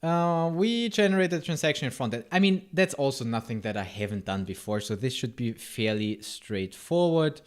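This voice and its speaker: During a casual live coding stream, a man whose first language is German reads chat and replies with asides, rambling and cutting himself off. He speaks in an expressive mid-range voice at normal speed with few pauses.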